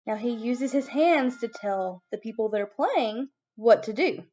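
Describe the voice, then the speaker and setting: Woman, high-pitched, children's music teacher, animated prompting delivery, muffled lo-fi sound. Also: measured pace. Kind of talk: children's video lesson.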